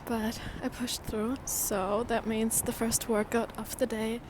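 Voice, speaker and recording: A woman's voice: on the high side, flat delivery, a little slow, noisy background. A woman chatting casually to camera in her vlog. She is coming down with a cold, and her upbeat talk sometimes drops to a near whisper. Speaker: vlogger.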